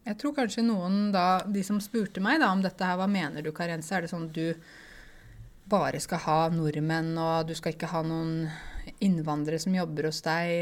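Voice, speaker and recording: A woman with a somewhat low voice talks casually to her viewers about running a language school. She explains patiently, pausing often with fillers as she searches for words. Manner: hesitant, many fillers, explanatory. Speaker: online language school owner. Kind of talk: casual monologue answering viewer questions.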